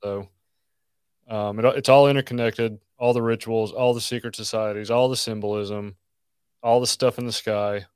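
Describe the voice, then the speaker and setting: A man's voice: fairly low pitch, steady tone, moderate pace, a little mellow, clean tone, no room sound. A man hosting a podcast, chatting casually and announcing upcoming episodes. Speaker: podcast host. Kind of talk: casual chat.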